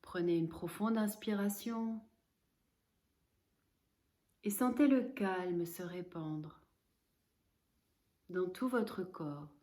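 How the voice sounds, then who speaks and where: A woman with a voice on the low side guides a yoga nidra relaxation. She gives calm, measured instructions with pauses between them.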